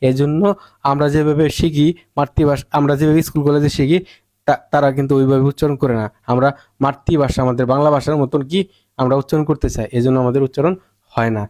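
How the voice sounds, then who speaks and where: A man with a Bengali accent teaching English pronunciation, drawing out and repeating each word slowly. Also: on the high side, fairly even intonation, darkish tone. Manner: slow, drawn-out repetition of words to model pronunciation. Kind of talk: spoken pronunciation lesson.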